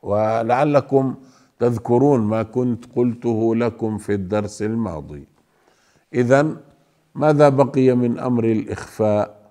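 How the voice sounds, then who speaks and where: A man teaching Quran recitation rules, speaking slowly and deliberately, drawing out the example words and repeating his points to his listeners. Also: mid-range voice, warm tone. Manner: addresses listeners fondly as beloved ones. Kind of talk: slow tajweed lesson with recited examples.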